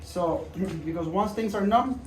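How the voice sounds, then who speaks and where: Speaking in an unhurried way, this male doctor has a fairly high voice and keeps things informal and reassuring as he works on a patient's hand. He repeats himself while demonstrating, explaining the procedure to the patient and to viewers. The recording is roomy and distant, with noise in the background of the indoor clinic.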